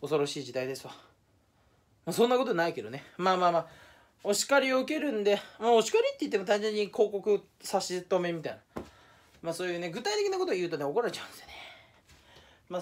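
Rambling, jokey young man vlogging very fast. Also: high-pitched. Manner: rambling, self-mocking, jokey, with mock Kansai dialect. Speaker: YouTuber. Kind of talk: casual solo vlog talk.

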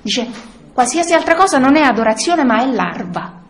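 A woman giving a spiritual teaching talk to a prayer group, earnest and explanatory, often pausing on fillers and restarting phrases. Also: high-pitched, big pitch swings, echoey room. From Italy. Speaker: speaker leading a prayer group.

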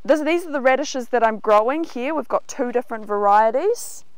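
A woman's voice: fairly high pitch, normal speed, clear, resonant tone, no room sound. A woman in her thirties with a New Zealand accent, giving an enthusiastic guided tour of her market garden outdoors. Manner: enthusiastic, explanatory, walking and pointing at crops. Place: outdoors in a large vegetable garden.

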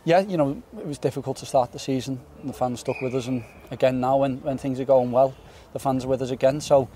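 A young man in his twenties, a footballer giving a post-match interview outdoors on a floodlit pitch at night, earnest and repeating words as he thinks. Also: fairly even intonation, fast, warm tone, slight background noise. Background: faint outdoor stadium ambience.

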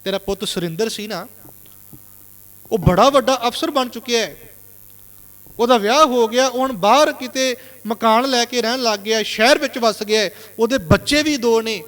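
A man's voice: very high-pitched, normal speed, fairly bright tone. A male preacher voicing a village friend who eagerly brings news, in a hall with long reverb.

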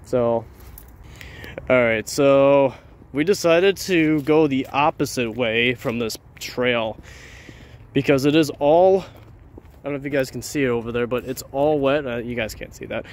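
Out on trails and roads at night, a man vlogs to his viewers on a handheld camera, speaking in a medium-pitched voice that's a little slow. He keeps it casual, rambling and repeating phrases as he goes.

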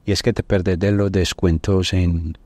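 Speaking at normal speed with a flat delivery, a low and slightly mellow male voice explains business finance. He's a middle-aged Colombian-accented podcast guest, teaching in a didactic style full of tag questions, captured on a lapel mic in an indoor podcast studio.

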